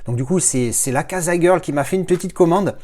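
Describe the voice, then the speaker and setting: A man's voice: a little high, a little fast, dark tone. A man from talking casually through an unboxing, rambling with frequent fillers and restarts. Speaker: collector unboxing films.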